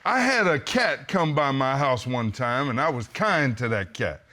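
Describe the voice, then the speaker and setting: A man's voice: medium pitch, expressive, unhurried, sharp tone. A man presiding as a TV court judge, asking questions in a folksy, wry and playful way.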